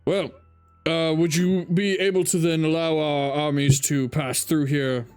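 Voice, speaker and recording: A man playing a tabletop role-playing game, improvising dialogue in a measured, hesitant and fairly formal way. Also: a little high, little pitch movement, darkish tone, clear, resonant tone, soft background music.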